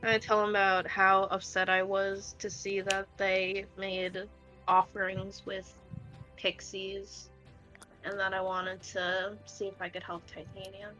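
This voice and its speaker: A woman's voice: mid-range voice, monotone, measured pace, sharp tone, muffled recording, faint music behind. A woman playing in a tabletop game over a voice call, eager and chatty. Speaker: player. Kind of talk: casual tabletop play.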